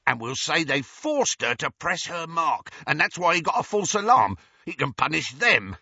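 A man voicing an uncouth, bullying male dark wizard who bellows and shrieks coarsely, in a slightly dull, dry recording. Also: fairly high pitch, big pitch swings, normal speed, breathy edge, dry recording, voice pushed up, full character voice. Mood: sly.

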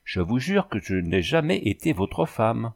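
A man's voice: medium pitch, very animated, a little slow, vocal fry, exaggerated voice. A man voicing a distraught young woman back from some otherworld, speaking in a trembling, pleading way.

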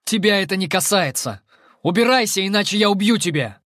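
A man voicing a defiant young male hero who answers coldly and shouts threats, in an audiobook reading. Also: high-pitched, animated, moderate pace, no echo, studio quality, pitched above the performer's own voice.

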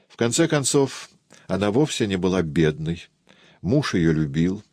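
Casting: male audiobook narrator, low voice, measured literary read, dry studio sound. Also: no echo. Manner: measured, even reading.

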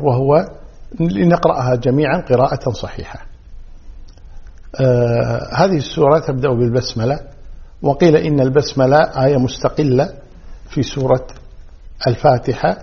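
A man giving a religious lesson, slowly demonstrating correct recitation and repeating each word with care. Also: medium pitch, breathy edge, lo-fi sound. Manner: slow, careful demonstration of pronunciation, repeating words. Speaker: Islamic teacher.

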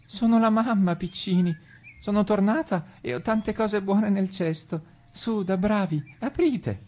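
A man's voice: unhurried, a little mellow. Man faking a wolf's sugary mother-goat voice. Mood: coaxing. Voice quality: high bleating falsetto. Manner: syrupy, coaxing.

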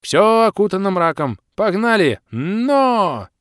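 A cheerful old creature voiced by a man speaks in a raised, lively, folksy voice, full of sayings and omens. His lines swing up and down in a dry, close recording for an audiobook. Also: sits high, a little slow, no room sound, pitched above the performer's own voice. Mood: excited. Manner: folksy, rhyming, superstitious. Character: old male lokhr creature, cheerful, cryptic.

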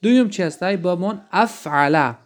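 Gravelly male teacher explaining grammar. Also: a little high, lively intonation. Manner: explains step by step, asks and answers his own questions. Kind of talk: Arabic grammar lesson.

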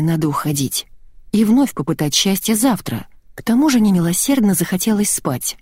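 A woman narrating a first-person audiobook in a lively, expressive way. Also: fairly low pitch, breathy edge, no room sound, clean studio sound.

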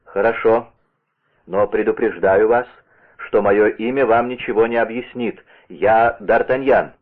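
Man voicing a swaggering Gascon musketeer, brusque, impatient, husky, tinny radio play. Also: lowish voice, steady tone, measured pace. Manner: brusque, impatient and self-assured.

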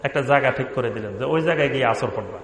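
A man's voice: medium pitch, racing. A man, an imam, answering a question in a sermon and driving his point home with repeated rhetorical questions. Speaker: imam and Islamic preacher. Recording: echoey hall with long reverb.

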